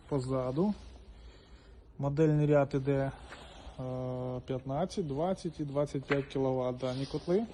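A man's voice: mid-range voice, mellow, slight background noise. A man giving an informal product walkthrough, addressing viewers directly, with frequent hesitations. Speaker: salesman presenting a boiler.

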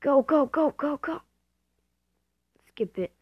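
Excitable woman commenting on her gameplay. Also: high voice, slow, dry recording. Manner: excitable, self-mocking, thinking aloud. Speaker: gamer. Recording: dull lo-fi dry home recording.

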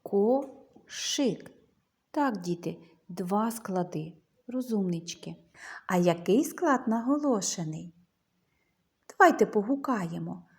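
Slow sing-song woman teaching young children. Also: mid-range voice, slightly rough. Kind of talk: children's lesson.

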